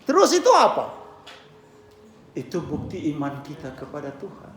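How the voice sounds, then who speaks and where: Male pastor, hoarse, high-pitched, lively swings in pitch, echoey church hall. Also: moderate pace, a little hiss or hum. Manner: animated preaching, swings from hushed to shouting; mixes English phrases into his preaching. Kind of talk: sermon.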